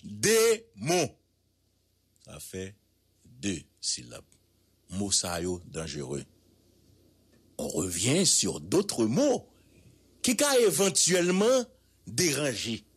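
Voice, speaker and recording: A Haitian-accented man delivering news commentary on air. His husky, lowish voice swings widely in pitch, and he leans on drawn-out repetitions and rhetorical questions. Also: wildly swooping pitch.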